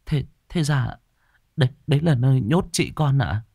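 A man's voice: medium pitch, expressive, normal speed, vocal fry, mellow, husky, no room sound, clean studio sound, pitched above the performer's own voice. A man voicing an anxious young village woman who stammers and pleads, in a storybook reading.

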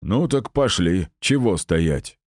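A man's voice: lively intonation, takes it slowly, a little mellow, dry recording, clean studio sound, heavily acted. A man voicing a big, burly male fighter who speaks bluntly and impatiently, in an audiobook. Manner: blunt, booming.

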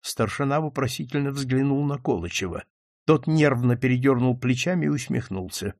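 A man's voice: medium pitch, expressive, normal speed, darkish tone, dry recording, studio quality. A man narrating an audiobook in a dramatic reading style. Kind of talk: scripted narration.

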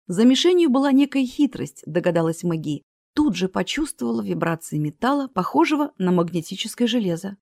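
A woman's voice: mid-range voice, big pitch swings, fairly quick, creaky, mellow, no room sound. Woman narrator for fantasy audiobook, dry close-miked sound.

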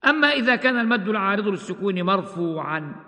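A man teaching the rules of Quran recitation, explaining each rule and then slowly chanting the examples. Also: high-pitched, very animated, bright, forceful tone, big-room sound. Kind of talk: tajweed lesson with chanted examples.

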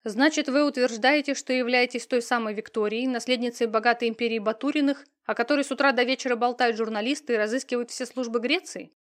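A woman's voice: on the high side, steady tone, fast, hardly any pauses, close to an everyday voice. A woman voicing a skeptical, officious male police chief in an audiobook.

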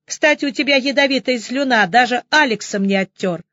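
Gruff joking male cop, read by a woman, grumbling, dull dry audiobook sound. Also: fairly high pitch, brisk, bright, forceful tone, no echo. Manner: grumbling, mocking.

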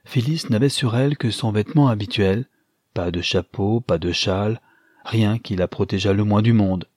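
Casting: low-voiced male audiobook reader, husky, measured storytelling. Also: darkish tone, no echo, clean studio sound. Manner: measured, literary reading. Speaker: audiobook narrator. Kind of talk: scripted narration.

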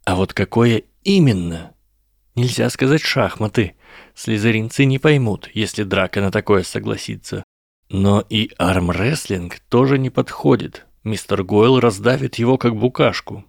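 A man narrating a story aloud in an even, measured way on a close mic. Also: fairly low pitch, vocal fry, no echo. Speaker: audiobook narrator.

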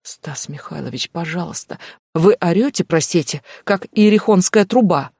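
Brief: male narrator voicing a gentle young woman, hushed and pleading, dry close recording. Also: sits low, moderate pace, dry recording. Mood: exasperated. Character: gentle, polite young female assistant.

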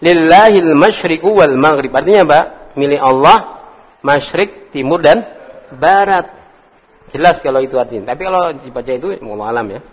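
On the high side and animated, a man's voice moves at a moderate pace as he drills words in an Arabic class. He casually calls on students by name and chuckles, captured in an echoey hall.

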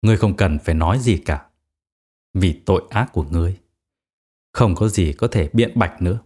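A man's voice: lowish voice, moderate pace. A man voicing a merciless adult male assassin who speaks coldly, passing sentence on his victims in an audiobook. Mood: cold, menacing. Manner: cold, flat pronouncement of sentences.

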